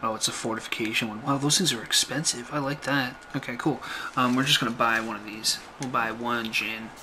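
A man's voice: mid-range voice, fairly even intonation, fairly quick. A man giving sweary, off-the-cuff gameplay commentary. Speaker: gamer, let's player. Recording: voice over noisy game audio.

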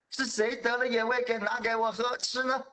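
A man voicing a shaken aged father, speaking in high, strained exclamations. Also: steady tone, moderate pace, a bit bright. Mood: shocked.

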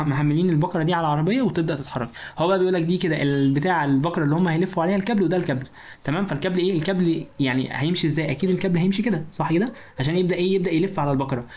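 Fast-talking Egyptian man lecturing. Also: on the high side, darkish tone. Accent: Egyptian Arabic. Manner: keeps asking rhetorical questions and checking understanding; informal, talks directly to the student. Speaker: engineering lecturer. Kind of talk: recorded lecture explanation.

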